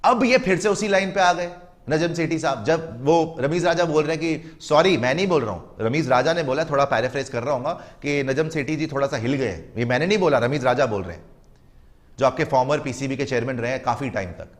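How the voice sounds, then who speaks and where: A man's voice: mid-range voice, fairly quick. A man giving opinionated, emphatic cricket commentary, lecturing his listeners and mocking the other side.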